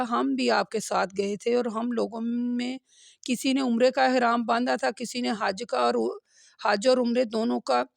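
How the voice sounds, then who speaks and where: A woman leads a Quran lesson, her fairly high voice roughened by gravelly fry. She talks earnestly and keeps checking in with a questioning "hmm?". The recording is dry, with no room echo. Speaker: religious teacher.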